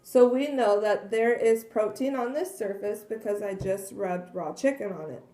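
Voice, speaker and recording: In her home kitchen, a woman gives a casual cleaning demonstration, chatty and earnest, with many fillers. Her mid-range voice is soft and mellow but slightly hoarse as she loses it, with frequent throat clearing and coughs, and the sound echoes around the room.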